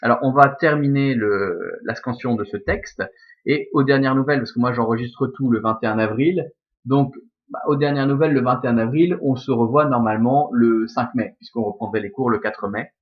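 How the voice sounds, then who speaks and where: A man's voice: mid-range voice, normal speed, lo-fi sound. A man teaching a Latin class from a recording, explaining step by step and often checking with "ok?". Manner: explanatory, checks understanding with frequent "ok?" and "d'accord?". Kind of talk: recorded remote lesson.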